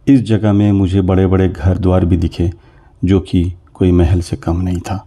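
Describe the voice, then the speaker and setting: A man's voice: low-pitched, little pitch movement, moderate pace, dark tone, low-quality recording. A man from Jharkhand in India, narrating his bus trip in a casual, reflective travel vlog and slipping English phrases into his talk. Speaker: travel vlogger. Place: bus and roadside stops outdoors. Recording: street and vehicle noise behind.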